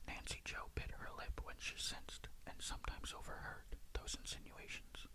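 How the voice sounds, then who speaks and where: A storyteller reading a ghost story in a breathy, hushed, suspenseful whisper, in ASMR style. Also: low-quality recording.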